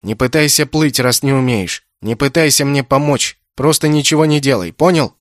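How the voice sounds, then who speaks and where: A man voicing a stern young warrior who barks orders in a gruff, commanding tone. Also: mid-range voice, moderate pace, dry recording, clean studio sound, close to an everyday voice. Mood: barking. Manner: barking orders.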